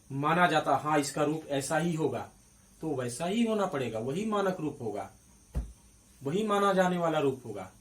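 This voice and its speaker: A high-voiced man teaches grammar slowly and with lively rises and falls in pitch. He breaks words into their sounds and keeps asking the class if it is clear. His voice is picked up from some distance away. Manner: explains step by step, repeats and spells out syllables, asks checking questions. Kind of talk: classroom-style grammar lesson at a board.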